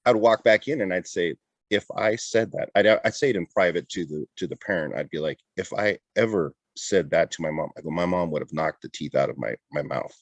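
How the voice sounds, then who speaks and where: A man's voice: low-pitched, a little fast, no echo. A middle-aged man talking candidly in a casual interview, often repeating and restarting his words. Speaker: interview guest, retired border patrol agent.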